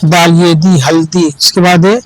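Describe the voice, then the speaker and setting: A man's voice: a little high, fairly even intonation, a little slow, no echo, low-quality recording. A man teaching children to read Urdu, spelling out each word letter by letter, repeating it and correcting common misreadings. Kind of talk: slow spelled-out reading lesson for children.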